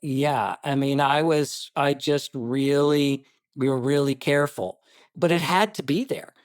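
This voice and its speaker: A man, a writer-director being interviewed, telling stories in an animated way with quick asides and restarts. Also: mid-range voice, no echo, studio quality. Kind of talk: casual interview talk.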